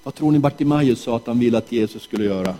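A man telling a Bible story to children in character, animated and asking them questions. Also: mid-range voice. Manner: animated, asks the audience questions. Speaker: children's talk leader.

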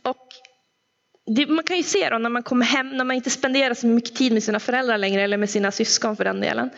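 A woman with a fairly high, gravelly voice gives an anecdotal sermon in a chatty, filler-heavy way. The sound is dull and carries a long echo of a church hall. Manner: chatty storytelling with frequent fillers. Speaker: preacher.

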